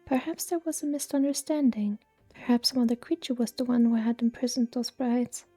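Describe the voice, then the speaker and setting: A woman reading a story aloud in a slow, hushed, even ASMR whisper. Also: on the high side, husky, faint music behind. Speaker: reader.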